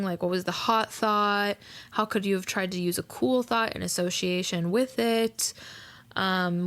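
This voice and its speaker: A woman hosting a solo podcast, talking casually with lots of fillers and asides, now and then reading from a book. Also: fairly low pitch. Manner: chatty, many fillers and "right?" asides; reads aloud from a book. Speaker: podcast host.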